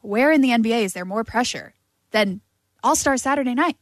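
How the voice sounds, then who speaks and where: A woman's voice: on the high side, animated, a little fast, no echo, studio quality. A woman co-hosting casual sports talk radio in a wry, playful way.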